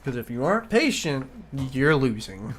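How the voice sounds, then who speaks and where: A man's voice: mid-range voice, big pitch swings, moderate pace, fairly bright tone, slight background noise. A man with a Midwestern accent giving casual, rambling gameplay commentary as a streamer. He swears freely and talks to himself as he plays. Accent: Midwestern American. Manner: rambling, profane, talks to himself while playing.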